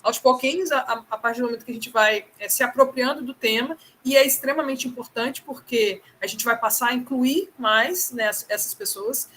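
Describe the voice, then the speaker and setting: A woman's voice: on the high side, normal speed, few pauses, a bit bright, a little hiss or hum. A Brazilian woman taking part in a discussion, sharing thoughtful comments and often checking in with tag questions. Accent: Brazilian Portuguese. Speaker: participant in the discussion. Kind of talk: casual reflective comment.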